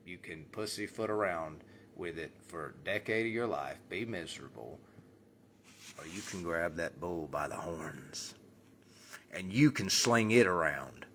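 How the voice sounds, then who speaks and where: Man, very low voice, loose spiritual vlog rant, blunt and jokey, loud then mumbling, faint background hiss. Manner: swings between loud bursts and mumbled asides. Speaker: spiritual vlogger. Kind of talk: rambling spiritual monologue.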